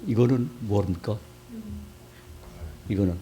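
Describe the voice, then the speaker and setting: A man's voice: fairly low pitch, takes it slowly, music in the background. A man, a church elder, preaching a sermon in a conversational way and putting questions to the congregation. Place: church sanctuary.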